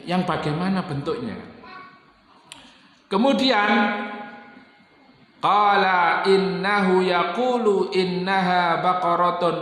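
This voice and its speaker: A high-voiced male preacher gives an animated sermon, sometimes loud and sometimes hushed, breaking into chanted Arabic verses. His bright voice carries a long, echoing hall reverb. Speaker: Islamic preacher teaching Quran exegesis.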